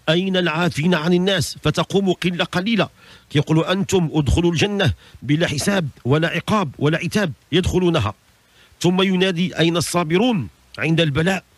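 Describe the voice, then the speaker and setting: A man's voice: on the high side, slightly rough, no room sound. A man with a Moroccan Arabic accent, a religious scholar giving an emphatic lesson full of rhetorical questions.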